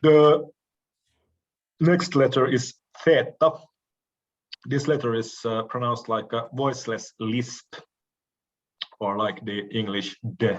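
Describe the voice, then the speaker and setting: A man giving a recorded lecture, explaining each letter in a measured way with frequent pauses and the odd throat clearing. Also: mid-range voice, fairly even intonation, muffled recording.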